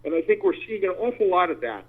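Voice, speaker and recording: A man calls in over a tinny phone line, his voice narrow and thin in the way a tin can sounds. He sits high in pitch for a man. He rambles along in a folksy, explaining way. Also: sing-song, fast. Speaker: caller.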